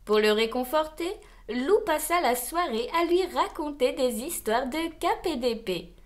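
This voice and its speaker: A woman reading a children's storybook aloud, slow, expressive and gentle. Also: high voice.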